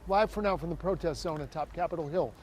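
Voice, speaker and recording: A man reporting live for the news from outdoors at a busy intersection, with steady, urgent newscaster delivery. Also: a little high, quick pace, a little hiss or hum. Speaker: field reporter.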